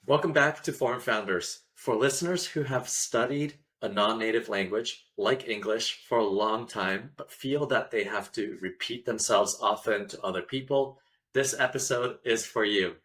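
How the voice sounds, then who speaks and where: A man hosting a podcast, reading a scripted introduction and asking relaxed follow-up questions. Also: medium pitch, moderate pace, poor audio. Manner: scripted intro, then easy conversational questions. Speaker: podcast host.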